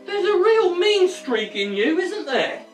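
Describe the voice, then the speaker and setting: A woman's voice: very high-pitched, big pitch swings, slow, reverberant, distant mic, music in the background, exaggerated voice. A woman playing a timid henpecked Macbeth. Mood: fretful. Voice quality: hesitant, whiny.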